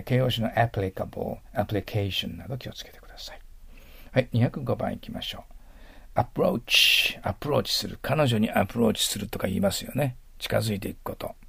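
A middle-aged man with a gravelly, slightly husky low voice, teaching vocabulary in a patient, drilling way. He is recorded close and dry, with no room sound. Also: fairly bright tone, no echo. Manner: patient, drills pronunciation with repeated tag questions. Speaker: English teacher. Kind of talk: vocabulary lesson lecture.

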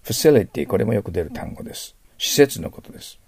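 A man's voice: fairly low pitch, animated, brisk, husky, dry recording. A man with a Japanese accent teaching English vocabulary, patiently explaining words and exaggerating his English pronunciation so learners can copy it. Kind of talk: lecture-style vocabulary lesson.

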